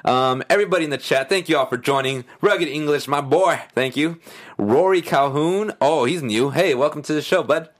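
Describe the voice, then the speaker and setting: A man's voice: on the high side, normal speed. Chatty laughing male podcast host. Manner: upbeat, chatty, laughs often. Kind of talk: casual chat reacting to horror trailers.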